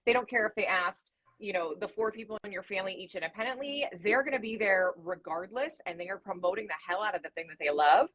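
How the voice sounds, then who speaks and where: A woman co-hosting a casual business chat podcast, talking in a relaxed, conversational way and telling stories. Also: mid-range voice, fast, hardly any pauses, dull audio. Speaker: podcast co-host.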